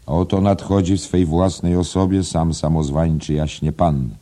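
A man's voice: rumbling low, level tone, drawn-out words, warm tone, slightly rough, exaggerated voice. A man voicing a pompous, mocking male professor in an audiobook, speaking with mock dignity.

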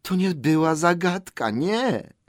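A man voicing a wretched, scheming creature in an audiobook, with a whiny, croaking, hissing voice. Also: fairly high pitch, very animated, slow, dry recording, studio quality, pitched above the performer's own voice. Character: wretched slimy creature, whining, scheming, obsessive. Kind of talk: audiobook character voice.

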